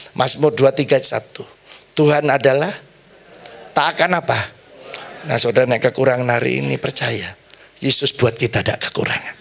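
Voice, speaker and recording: A middle-aged man preaching a sermon, telling stories with lively, acted-out voices. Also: fairly high pitch, gravelly. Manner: animated storytelling preacher, acts out quoted voices. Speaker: pastor.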